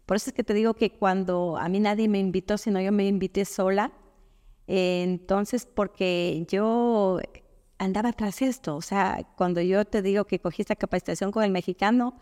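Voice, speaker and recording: Una mujer de Ecuador, invitada en una entrevista informal, que cuenta anécdotas con animación y recrea diálogos. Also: female voice, mid-range voice, normal speed, big-room sound. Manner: animated storyteller, quotes others in dialogue. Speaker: guest. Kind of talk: casual conversational interview.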